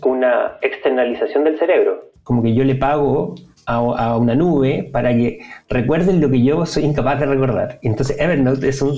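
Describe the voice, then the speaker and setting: A man's voice: medium pitch, a little mellow. A man with a Chilean accent, a podcast guest chatting casually with plenty of fillers and restarts. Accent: Chilean Spanish. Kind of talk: casual interview chat.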